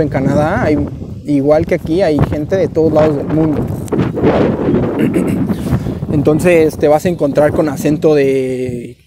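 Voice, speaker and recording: A man's voice: on the high side, noisy background. A young Mexican man with a Mexican Spanish accent, giving rambling, slang-filled casual advice in a vlog. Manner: slangy, rambling, keeps saying güey. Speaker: vlogger.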